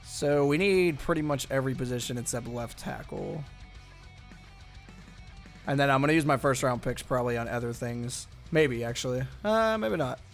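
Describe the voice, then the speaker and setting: A man's voice: mid-range voice, lively intonation, normal speed, soft background music. A young man giving casual commentary over a football video game, thinking aloud and rambling with many fillers. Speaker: gaming YouTuber.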